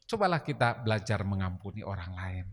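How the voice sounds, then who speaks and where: A man's voice: low voice, big pitch swings, a little fast. A man preaching a sermon in a church, emphatic and asking the congregation rhetorical questions. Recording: long reverb of a church hall.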